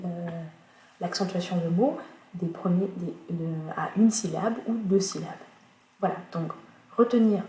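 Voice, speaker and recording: A woman teaching English pronunciation in a recorded video lecture, speaking slowly with many fillers and self-corrections. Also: mid-range voice, dark tone. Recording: echoey room, faint noise.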